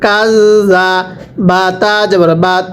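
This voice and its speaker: A man teaching Quran reading, spelling out letters and vowel marks and then slowly drawing out each joined word for his students to repeat. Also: high-pitched, level tone, a bit bright, slight background noise, low-quality recording. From Bangladesh. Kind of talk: slow call-and-repeat recitation lesson.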